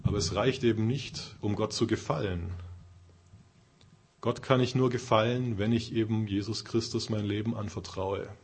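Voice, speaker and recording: A preacher voicing the calm voice of the spirit. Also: male voice, fairly low pitch, husky. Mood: serene. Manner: calm and measured. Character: voice of the spirit, calm humble trusting inner voice.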